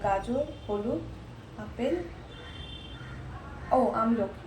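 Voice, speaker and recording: A woman's voice: on the high side, very slow. A young woman, chatting casually through her day at home and explaining each step as she goes. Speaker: vlogger. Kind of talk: casual vlog narration. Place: at home, kitchen and bedroom. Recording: roomy home room with household noise.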